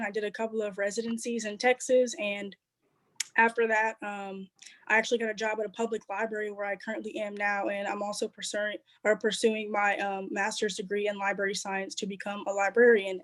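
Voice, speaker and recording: A young woman from Tampa, an artist working at a library, introducing herself softly. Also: medium pitch.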